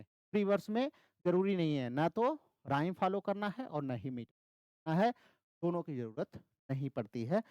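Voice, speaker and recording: Brief: male literature tutor, exam-prep lecture, animated pitch, dry close sound. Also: clear, resonant tone, dry recording, muffled recording. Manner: repeats key terms, asks and answers own questions. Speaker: English literature teacher.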